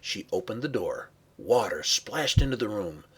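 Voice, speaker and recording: A man reading a children's story aloud with expressive, varied pacing and some hushed passages. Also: lowish voice, moderate pace, slightly rough. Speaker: narrator.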